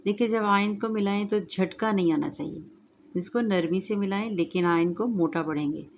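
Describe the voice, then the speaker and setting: A woman teaching Quran recitation rules, chanting verses slowly and then explaining each rule calmly, with an Urdu accent. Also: mid-range voice, a little hiss or hum. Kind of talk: tajweed lesson, slow recitation then explanation.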